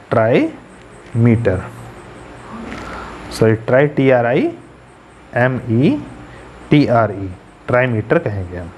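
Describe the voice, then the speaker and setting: Slow, repetitive male teacher. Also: mid-range voice, darkish tone, slight background noise. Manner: slow, repeats key terms, asks students questions. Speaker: English teacher. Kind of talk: classroom lecture.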